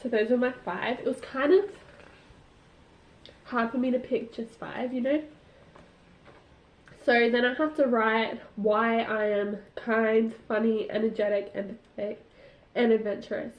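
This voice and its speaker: A woman's voice: a little high, steady tone, unhurried, pauses often. A woman hosting a casual solo podcast, chatting with lots of "like" fillers and laughing at herself, recorded on a tablet's built-in mic. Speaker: podcast host. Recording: roomy, dull tablet recording.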